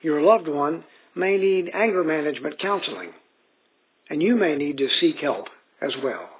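A man reading magazine articles aloud in a steady, even scripted narration. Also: fairly high pitch, moderate pace. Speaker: article reader. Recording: tinny phone-like sound.

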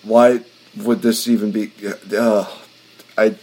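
A man's voice: fairly low pitch, level tone, slow pace, darkish tone. Rambling man hosting a podcast. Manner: rambling, with many fillers. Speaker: podcast host. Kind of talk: casual podcast chat.

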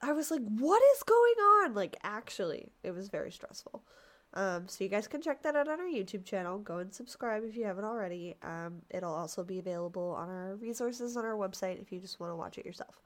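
Brief: woman podcast co-host, mid-pitch, casual and animated storytelling, stumbles and restarts. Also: brisk. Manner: animated, stumbling, acts out quoted voices.

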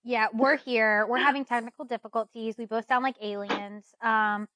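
A woman's voice: a little high, fairly even intonation, normal speed, sharp tone, no echo. A woman co-hosting a chat podcast, talking in an easygoing, slightly hesitant way about juggling work and two children. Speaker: podcast co-host. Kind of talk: casual chat.

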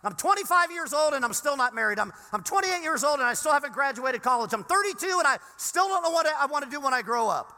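A man preaching a sermon as pastor, animated, swinging between loud emphasis and near-whispers. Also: very high voice, fast talker, few pauses, in a large hall.

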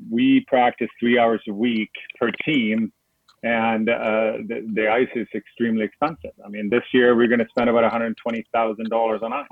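A man's voice: medium pitch, little pitch movement, normal speed. A middle-aged man from Sweden, chatting as a guest in an interview and rambling with many fillers and restarts. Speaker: guest, foundation founder. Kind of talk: casual interview over a call. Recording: tinny phone-like line with noise.

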